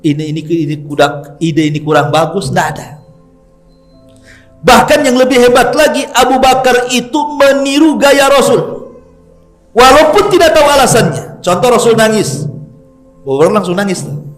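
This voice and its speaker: High-voiced chatty male preacher. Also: normal speed, faint music behind. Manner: lively, chatty, jokes with the audience. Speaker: Islamic preacher. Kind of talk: storytelling sermon.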